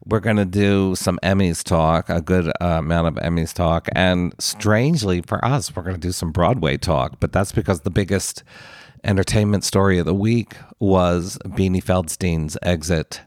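A man's voice: low voice, moderate pace, no echo, studio quality. A man co-hosting a casual pop culture chat podcast, with a theatrical, emphatic, campy delivery. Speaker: podcast co-host.

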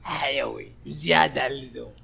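A man's voice: mid-range voice, a little fast, vocal fry, crowd noise. A man hosting a podcast in casual chat, teasing and joking with his guest. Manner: teasing, jokey. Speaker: podcast host.

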